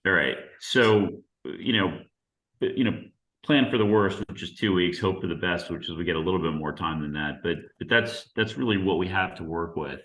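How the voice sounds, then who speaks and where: Deep-voiced man chairing a meeting. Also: a bit bright, roomy sound. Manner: halting, filler-heavy, procedural. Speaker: committee chair. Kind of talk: chairing a town committee meeting.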